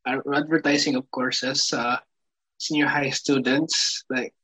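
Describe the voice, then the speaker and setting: A young man with a Cebuano accent, a student guest talking haltingly with many fillers, mixing Cebuano into English. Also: mid-range voice, fairly even intonation, sharp tone, breathy edge. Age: young adult. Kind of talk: casual podcast chat. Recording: muffled lo-fi mic.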